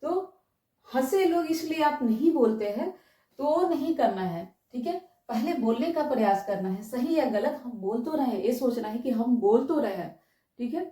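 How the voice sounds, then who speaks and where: A woman's voice: fairly high pitch, animated, normal speed, dark tone. A woman teaching spoken English, encouraging her students and checking in often to make sure they follow. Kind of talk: classroom-style lesson. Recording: echoey room, distant from the mic.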